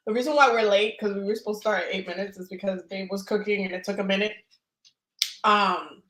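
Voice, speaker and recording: A Dominican woman hosts a casual tarot live stream, chatting and laughing as she eats. Her voice is medium-pitched, and the recording is reverberant and low quality.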